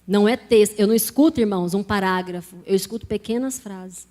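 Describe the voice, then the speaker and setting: Speaking Portuguese to her congregation, a Brazilian woman delivers a sermon built around her own testimony, talking conversationally and addressing them directly. Her medium-pitched voice is warm and a little fast.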